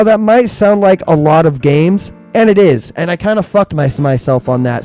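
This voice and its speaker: A man's voice: on the high side, dark tone. A man who says w for r, giving a casual, rambling update to viewers as the streamer of a gaming channel. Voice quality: trouble pronouncing R sounds, says w for r. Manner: rambling and conversational, often checks in with "right?".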